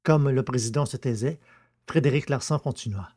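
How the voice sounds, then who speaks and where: A man narrating a classic detective novel as an audiobook, in a measured storytelling manner. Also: medium pitch, darkish tone, breathy edge.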